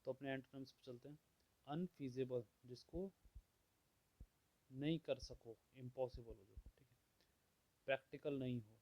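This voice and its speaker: A man teaching vocabulary, explaining words and listing their opposites at a steady pace, often checking in with "theek hai". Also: medium pitch, low-quality recording. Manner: slow and measured, repeats "theek hai" often. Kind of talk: explaining word meanings.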